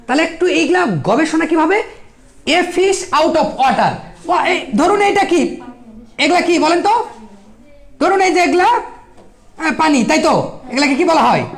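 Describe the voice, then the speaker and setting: A woman with a Bangladeshi Bengali accent teaching English at a coaching class, firing quick rhetorical questions at her students. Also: high-pitched. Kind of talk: classroom lecture.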